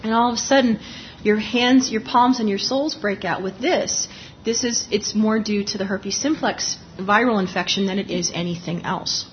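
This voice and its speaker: A woman's voice: mid-range voice, moderate pace, few pauses, lo-fi sound, slight background noise. A woman lecturing on dermatology in a conversational, explanatory way, restarting sentences often and talking with a lozenge in her mouth. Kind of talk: live lecture.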